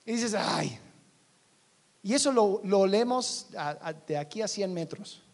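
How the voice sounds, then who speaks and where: Guy giving a sermon, pretty high voice, chatty, keeps asking the crowd questions, goes quiet sometimes. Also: expressive, normal speed. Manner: conversational, asks the audience many rhetorical questions. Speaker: preacher.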